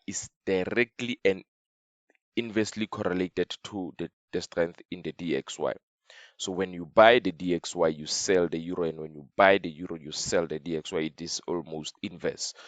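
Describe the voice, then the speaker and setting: Deep-voiced guy walking thru his trades, voice a bit off, dry close mic, keeps repeating himself. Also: no echo. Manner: repetitive, halting, talks while drawing on chart. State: slightly off voice. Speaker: trading signal educator. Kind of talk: screen-share trading lesson.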